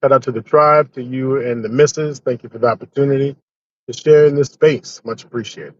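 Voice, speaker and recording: A man's voice: mid-range voice, fairly even intonation, a little fast, highs cut off, a little hiss or hum. A man joining a livestream as a guest over remote call-in audio, courteous and upbeat. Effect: remote call-in audio over a livestream link. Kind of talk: casual chat.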